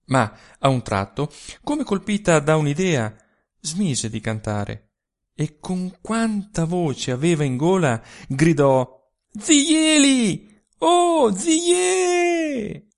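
A man narrating a literary short story for a volunteer audiobook in an expressive reading style. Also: on the high side, takes it slowly.

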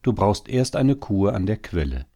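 A man reading a story, speaking as a male hare who comforts his wife and talks with quiet, bitter wit. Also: on the low side, very animated, normal speed. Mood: wry. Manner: soothing, wryly bitter. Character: worried, consoling male hare, wry and wise.

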